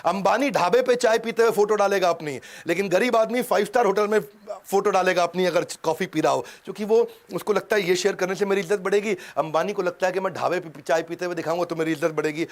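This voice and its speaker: A middle-aged motivational coach with a high, ringing voice. He talks in punchy, rhythmic bursts and drops suddenly to a hush to land a point. He slips in little sound effects and mimicked voices as he goes. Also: fast, hardly any pauses. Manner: punchy, rhythmic delivery with sudden jumps from loud to hushed. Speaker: motivational speaker and business coach. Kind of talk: energetic Hindi seminar talk mixed with English.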